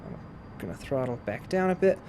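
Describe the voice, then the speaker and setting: A man with a mid-pitched voice walks through a flight sim procedure as he plays. He explains each step casually, in the way of a tutorial. Aircraft simulator noise sits faintly to clearly behind his voice. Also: very animated, normal speed. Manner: explains step by step while playing. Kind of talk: casual instructional gameplay commentary.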